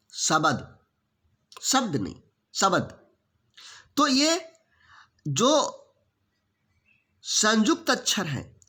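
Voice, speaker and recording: A man runs an online exam-prep class, speaking slowly and with care. His voice sits high and bright, and it swings widely as he keeps quizzing his students. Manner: lively, asks the class repeated check questions.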